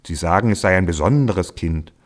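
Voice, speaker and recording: A man voicing an eager, gentle male donkey in a raised, lively voice. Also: sits low, a little fast.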